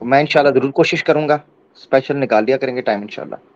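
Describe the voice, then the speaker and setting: A man's voice: mid-range voice, fast, highs cut off. A man hosting a religious call-in stream, polite and brief, with a lot of short replies to his callers.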